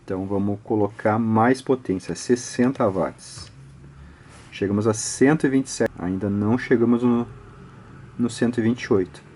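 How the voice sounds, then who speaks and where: A fairly low, darkish male voice at a moderate pace, with a little hiss or hum in the audio. The man, an audio electronics instructor hosting his own channel, gives a casual, step-by-step technical tutorial in a Brazilian Portuguese accent, explaining conversationally and often closing phrases with small tag questions.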